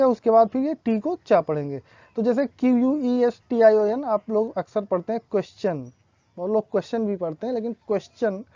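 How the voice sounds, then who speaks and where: A woman, a teacher patiently explaining English pronunciation rules and repeating each example slowly. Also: on the high side, mellow, no echo, highs cut off.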